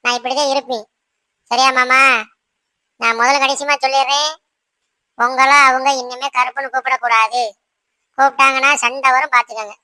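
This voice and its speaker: Woman playing a firm cartoon wife, high bright voice, insists and lectures at a quick clip. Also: little pitch movement, no room sound. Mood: insistent. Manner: insistent, lecturing, repeats "சரியா?". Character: young wife, proud, stubborn, quick to anger. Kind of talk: cartoon voice acting.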